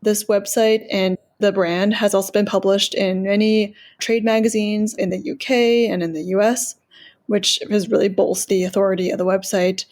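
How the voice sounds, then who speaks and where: A woman selling her business answers podcast interview questions earnestly and in an organized way, laying out her points one by one with self-promoting pride in her work. Her mid-range voice is a little mellow.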